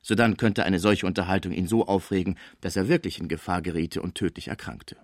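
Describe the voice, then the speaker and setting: A man's voice: low-pitched, no echo, clean studio sound. A man voicing a cautious, formal male doctor in an audiobook. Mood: measured. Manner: measured, formal. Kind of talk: audiobook character voice.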